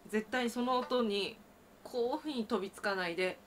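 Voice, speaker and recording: A woman teaching traditional Japanese singing, explaining breath and voice and breaking into loud sustained sung tones. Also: a little high, fairly quick, a little hiss or hum. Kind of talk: vocal lesson with sung demonstrations.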